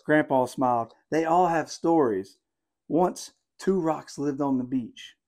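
A woman's voice: low voice, slow pace, warm tone. A woman reading a children's campfire story aloud, then chatting playfully with her kids. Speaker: family channel storyteller.

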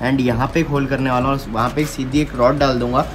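A fast-talking young man with a mid-range, steady voice gives a casual walkthrough of his custom motorbike build to the camera, explaining step by step and mixing English words into his Hindi. He's in an indoor garage workshop with metal walls, with background noise and music playing beneath his voice.

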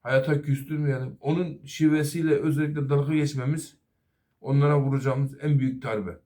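A man's voice: mid-range voice, steady tone, a little fast, warm tone. A middle-aged man, a master auto mechanic, giving an earnest safety talk to fellow workers and apprentices. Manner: earnest, advising, repeatedly addressing "arkadaşlar".

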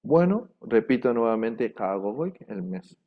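A man teaching a language class, repeating words slowly and carefully and dictating them for students to write down. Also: medium pitch, big pitch swings. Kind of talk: slow repetitive language class. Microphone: microphone. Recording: dull lo-fi room microphone.

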